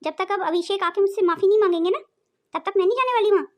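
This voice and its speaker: A woman's voice: very high voice, racing. A woman voicing a spoiled, demanding young married daughter in a cartoon. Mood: aggrieved. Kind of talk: cartoon voice acting.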